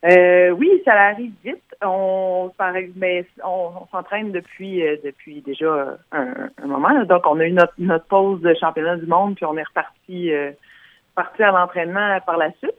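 A woman answering interview questions as a guest boxer, relaxed and hesitant with fillers. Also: fairly low pitch, moderate pace, dry recording. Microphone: phone. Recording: tinny phone line.

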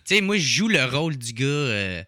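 A Québécois man hosting a loose conversation, with a bright, fairly high voice and slang-heavy speech. The sound is dry and close, with no room echo. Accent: Québécois French. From Gatineau, Quebec. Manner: relaxed, slangy, quick agreeing interjections. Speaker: interview host. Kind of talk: casual interview chat.

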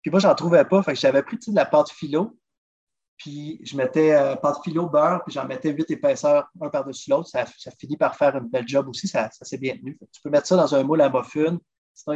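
A Québécois-accented man appears as a guest on a podcast, a drummer and food traveler eagerly walking through recipes in casual interview chat. His voice is fairly high with a breathy edge, and he speaks fairly quickly. Chatty and lively, he keeps saying "listen" as he explains, all captured on a dull lo-fi recording.

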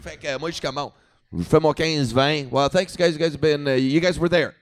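A man's voice: on the high side, steady tone, fairly quick. A man comedian with a Quebec French accent telling a story in a casual talk, switching into English and swearing freely.

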